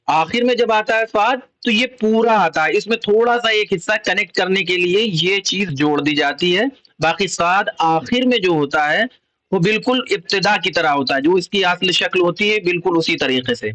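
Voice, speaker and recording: A man's voice: high-pitched, bright, forceful tone, poor audio. A man with an Urdu accent teaching children the Arabic letters, explaining patiently and repeating each letter and its sound. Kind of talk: slow explanatory lesson.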